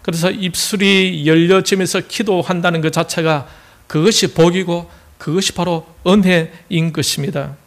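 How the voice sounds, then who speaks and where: A man's voice: high-pitched, steady tone, normal speed. A man with a Gyeongsang accent preaching a sermon as pastor, folksy and joking as he tells a story.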